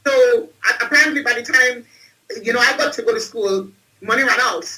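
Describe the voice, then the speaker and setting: Bright-voiced woman, distant mic. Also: a little high, brisk. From Trinidad and Tobago. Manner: emphatic, repeats phrases for effect. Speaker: guest, entrepreneur and speaker. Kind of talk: interview storytelling. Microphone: video call.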